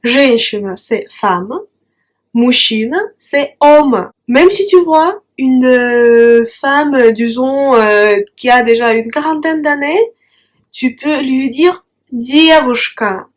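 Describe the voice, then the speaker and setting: High-voiced Russian woman teaching slowly. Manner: patient, slow and careful, drawing out the Russian words. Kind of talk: language lesson to camera.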